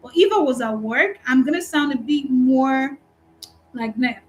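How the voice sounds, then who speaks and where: A woman with a Nigerian accent, a customer support recruiter giving an animated, encouraging talk in a live online training session. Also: sits high, measured pace, dull audio, a little hiss or hum.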